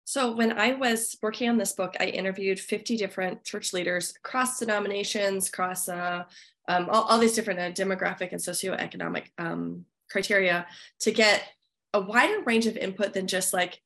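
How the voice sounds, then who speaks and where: A woman who is an author and church musician, giving thoughtful podcast interview answers that pause often with fillers and restarts. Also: medium pitch, a bit bright.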